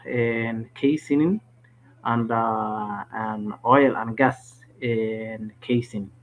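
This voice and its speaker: A man from Somalia asking a question in a webinar, halting and searching for words. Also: medium pitch, steady tone. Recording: tinny phone-like call audio.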